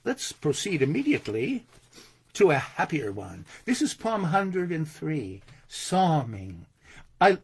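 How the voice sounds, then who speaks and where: An older man reading his own poems aloud, expressive and theatrical, with hesitant asides between them. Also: on the high side, slightly rough. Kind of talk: poetry reading with spoken asides.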